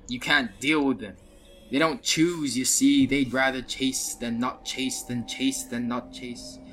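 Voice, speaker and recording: A man voicing a gruff male dwarf guide who grumbles and lectures slowly. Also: medium pitch, background noise, natural voice.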